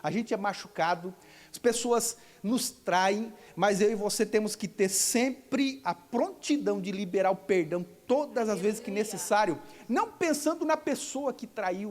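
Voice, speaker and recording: High-voiced Brazilian pastor preaching. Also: male voice, unhurried, in a large hall. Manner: storytelling, acting out dialogue, rising to shouts of praise. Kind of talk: sermon with testimony. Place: church.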